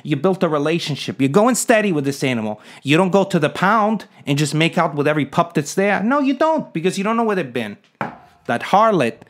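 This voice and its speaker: Indignant rambling man, fairly high voice. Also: sing-song, fairly quick. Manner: indignant, rhetorical, asks the viewers for their opinion; jokey asides and chuckles. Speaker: vlogger. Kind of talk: casual rambling monologue to camera.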